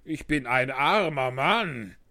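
A man voicing the Hatter, a poor, frightened man, with a trembling, pleading delivery and a lively pitch. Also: takes it slowly, dry recording, studio quality, exaggerated voice. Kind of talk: audiobook reading.

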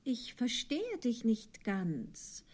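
A man doing a high, polite young girl. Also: huge pitch swings, extremely slow, heavily acted. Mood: earnest. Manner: earnest, polite. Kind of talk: storybook reading.

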